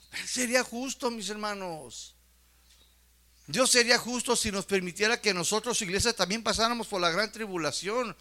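A male preacher with a high, ringing voice delivers a fervent sermon. He keeps turning to his congregation with rhetorical questions and calls to his brothers. His tone is bright and forceful.

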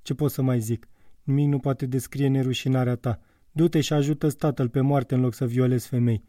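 A man's voice: medium pitch, fairly even intonation, warm tone, dry recording, studio quality, recorded from a distance, lightly acted. A man reading an audiobook, voicing a defiant young woman narrator who speaks earnestly and reproachfully.

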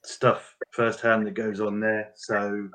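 A man's voice: fairly low pitch, monotone, slow, a bit bright, poor audio. A man on a fan podcast panel speaking in a sincere, thoughtful way. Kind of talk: casual podcast chat.

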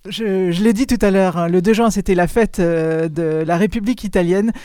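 A woman hosts a radio show in relaxed conversation, often filling pauses as she talks. Her voice is smooth and crisp. The sound is dry and close, with no room around it. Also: lowish voice, no room sound. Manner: chatty, with frequent fillers. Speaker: radio host. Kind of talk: casual radio chat.

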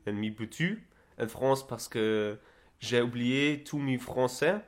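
A young German man talks casually in broken French, with a German accent coloured by Spanish. His delivery is slow and halting, in a medium pitch, and he often repeats words as he searches for the next one. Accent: German with Spanish influence. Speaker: interviewee recounting travels. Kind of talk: casual conversational interview.

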